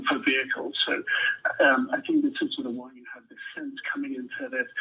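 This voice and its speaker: Halting man reporting live, bright creaky voice. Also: a little high, rough recording. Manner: measured, hesitant with many restarts. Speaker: field correspondent. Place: press conference venue.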